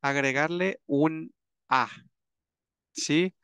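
A man teaching a grammar lesson, patient and repetitive, with many pauses and fillers as he works through examples. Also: fairly high pitch, bright, forceful tone, clean tone, no echo. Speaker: language teacher.

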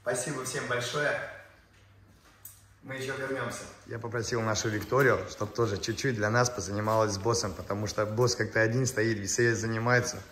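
A man's voice: lowish voice, fairly even intonation, a little fast, a bit bright, far from the mic. Guy hosting a casual vlog, gushy, repeats himself, echoey room w some noise. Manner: effusive, repeats words. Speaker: animal park host presenting pets and trainer. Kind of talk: casual chat to viewers while filming.

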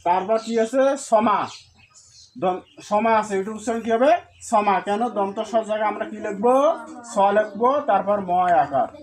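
A man teaching pronunciation, asking questions and answering them himself, breaking words into syllables and chanting verse lines slowly in a melody. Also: high voice.

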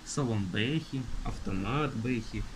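Sitting at an indoor table with rain falling outside, a young man leafs through a car magazine and lists its contents haltingly, with plenty of fillers. He is recorded by a phone camera from above, his mid-range voice set against a noisy background.

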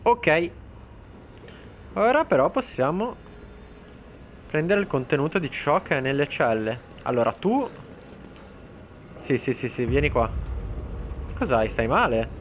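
Excitable man commenting on gameplay. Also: a little high, measured pace, long pauses, a little hiss or hum. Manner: excitable, talks to enemies, shouts in alarm. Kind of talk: let's play commentary.

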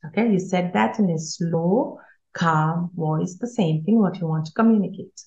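Speaking fairly quickly in a low, mellow voice with vocal fry, an earnest woman gives a parenting talk and repeats key words for emphasis. It comes over a video call, so the audio is roomy and slightly dull.

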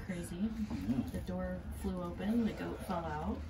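Low-voiced woman, calm, in a noisy barn. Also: unhurried. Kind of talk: casual talk while helping a goat birth. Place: wooden goat barn, indoors.

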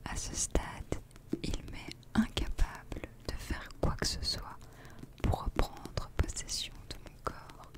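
Young woman in a hushed library whisper. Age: young adult. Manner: slow, deliberate delivery with pauses. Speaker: ASMR creator. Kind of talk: whispered ASMR story reading. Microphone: close desk microphone, headphones on.

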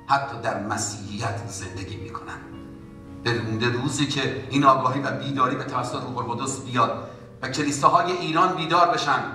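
A male pastor delivers an impassioned sermon in a high, bright and forceful voice. He is heard from a distance in an echoey church, with faint music behind him. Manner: impassioned preaching, rising to loud exhortation. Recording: echoey church hall from far off.

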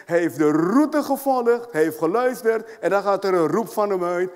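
A man's voice: sits high, moderate pace, darkish tone. A man preaching a sermon as an apostle to a congregation, stressing his points, repeating them and checking in with rhetorical questions. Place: church hall with congregation. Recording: long hall reverb.

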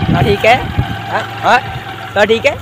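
High-voiced Punjabi man vlogging outdoors. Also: normal speed. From Pakistan. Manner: chatty, rambling, repeats filler words. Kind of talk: casual farm vlog narration. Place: outdoors on a farm and road, windy. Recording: noisy outdoor phone recording.

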